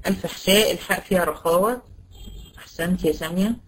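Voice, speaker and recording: A woman's voice: on the low side, fast, slight background noise, low-quality recording. A woman with an Egyptian accent teaching a tajweed lesson, patiently quizzing her students with questions and correcting their answers. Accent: Egyptian Arabic. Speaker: Quran recitation teacher.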